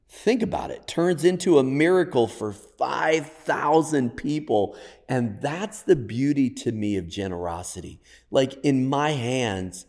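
A man speaking as a podcast guest, telling stories conversationally and deliberately, pausing for emphasis. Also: mid-range voice, mellow. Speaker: podcast guest, church pastor. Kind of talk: conversational storytelling and reflection. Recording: long reverberant room sound.

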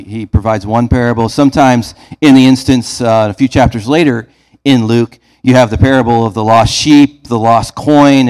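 A man's voice: mid-range voice, a little mellow, poor audio. Man preaching a casual, joking sermon. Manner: casual, joking asides, many fillers. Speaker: pastor.

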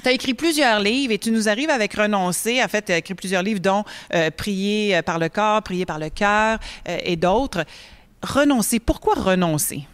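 A woman's voice: medium pitch, normal speed, clear, resonant tone, dry recording. Chatty woman interview host. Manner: warm, chatty and welcoming. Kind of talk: interview hosting. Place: book fair stage.

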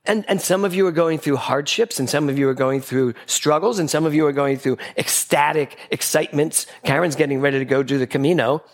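A man giving a spiritual talk to a live audience in a gathering hall, playful and animated as he acts out little exchanges in quoted voices. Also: on the high side, fairly quick, few pauses.

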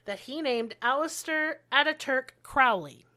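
A woman hosts a relaxed history podcast in a slightly high voice. She is blunt and sarcastic and swears often. She talks in a loose, chatty way. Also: unhurried. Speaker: podcast host. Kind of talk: casual history chat.

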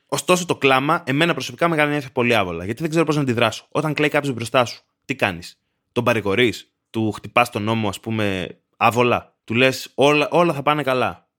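Sardonic man in his thirties ranting. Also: mid-range voice. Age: 30s. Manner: sardonic, ranting, deadpan exaggeration. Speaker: podcast host. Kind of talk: solo comedic podcast monologue. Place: his bedroom.

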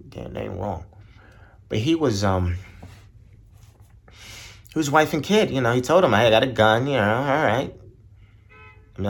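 A man hosting his podcast alone, ranting bluntly with lots of profanity and rambling asides. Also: gravelly. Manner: blunt, profane, rambling, mimics others in high voices. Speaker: podcast host. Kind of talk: solo casual rant.

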